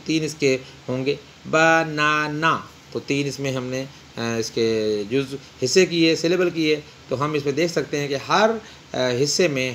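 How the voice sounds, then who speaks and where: Slow, deliberate male teacher. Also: fairly high pitch, slight background noise. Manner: reads English slowly, then explains quickly in Urdu with frequent "uh" pauses. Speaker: English teacher. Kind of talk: textbook reading and translation lesson.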